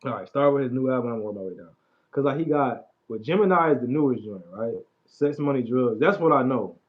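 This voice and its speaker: A livestream host in his late twenties chats casually about music in a laid-back, slangy way, often trailing off into mumbled asides. His mid-range voice is expressive and quick, and the stream audio is dull and lo-fi.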